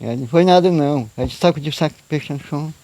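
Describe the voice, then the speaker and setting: A storyteller guest, male, with a fairly high, mellow voice, tells a true tale at a quick pace in a rambling, repetitive, folksy way, sprinkling in "né?" and "eu digo." It's casual spoken storytelling, recorded with no room sound.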